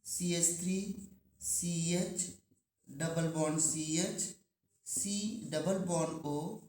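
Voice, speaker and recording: A man teaching chemistry to a class, asking the students questions and drawing out key terms slowly. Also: on the high side, steady tone, darkish tone, echoey room. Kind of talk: classroom lecture.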